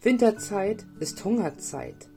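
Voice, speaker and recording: A woman's voice: mid-range voice, expressive, takes it slowly, mellow, soft background music, pitched above the performer's own voice. A woman voicing a small, hungry male sparrow who is timid and puzzled. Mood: plaintive. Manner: stammering, earnest.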